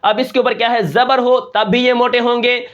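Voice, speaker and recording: Urdu quran teacher guy, high-ish voice, kinda dull lo-fi audio, keeps saying theek hai and repeating sounds. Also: level tone, a bit bright. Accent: Pakistani Urdu. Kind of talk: tajweed lesson with recited examples.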